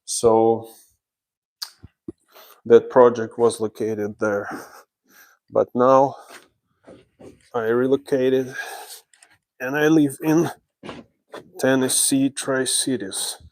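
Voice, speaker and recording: A Ukrainian renovation contractor explains his work step by step on a job-site livestream. His speech is slow and halting, in a medium-pitched, darkish voice with little rise or fall.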